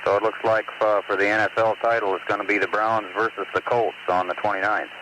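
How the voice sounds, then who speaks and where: A man's voice: on the low side, little pitch movement, quick pace. A man working as capsule communicator, talking casually to astronauts over a space mission radio link. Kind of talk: casual astronaut radio exchange with news and scores. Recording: noisy mission radio loop with hiss.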